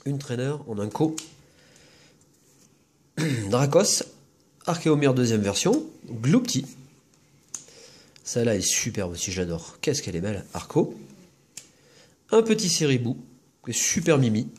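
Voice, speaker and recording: A man's voice: mid-range voice, big pitch swings, darkish tone, breathy edge. A man hosting a casual video, chatting as he lists each trading card he opens and comments on it. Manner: chatty, listing cards with quick comments. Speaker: host opening trading card packs.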